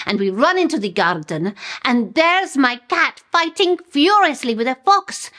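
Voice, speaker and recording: A woman with a Polish accent performing a comic monologue as a bemused storyteller, in short phrases with dramatic pauses. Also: on the high side, fairly bright tone, full character voice. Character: bemused woman telling an absurd personal anecdote.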